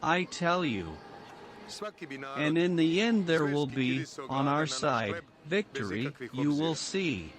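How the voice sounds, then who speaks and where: Slow, slightly high male dubbing voice. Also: expressive. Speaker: voice-over narrator. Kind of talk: dubbed documentary-drama narration and dialogue.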